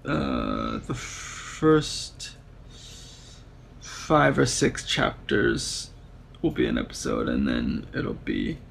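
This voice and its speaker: Gravelly man in casual book chat. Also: extremely low pitch, wildly swooping pitch, drawn-out words, a bit bright, a little hiss or hum. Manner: rambling, with restarts and trailing-off thoughts. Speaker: podcast co-host.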